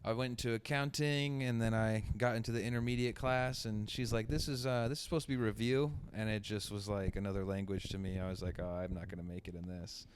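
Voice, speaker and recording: A man's voice: on the low side, fairly even intonation, fast talker, few pauses, a little hiss or hum. A man guesting on a podcast, talking casually and rambling with lots of "like" and restarts. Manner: rambling, many likes and restarts. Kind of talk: casual chat.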